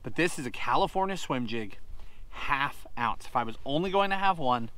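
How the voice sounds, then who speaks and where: A man's voice: mid-range voice, animated, normal speed, a bit bright, clean tone. Upbeat man explaining fishing gear outdoors. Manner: enthusiastic, practical, talks with his hands. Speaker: fishing show host. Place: on a boat on an open lake outdoors.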